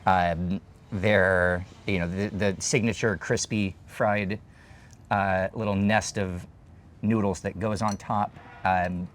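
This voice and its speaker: Speaking slowly in a low voice with fairly even intonation, a man in his thirties explains dishes as he eats at an open-air stall. He's the host of a food show, chatting casually into a lapel mic.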